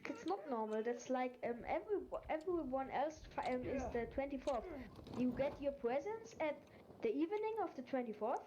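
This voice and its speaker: A woman from Germany, chatting casually, halting and searching for words. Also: sits high, animated. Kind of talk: casual chat. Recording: muffled, with faint noise.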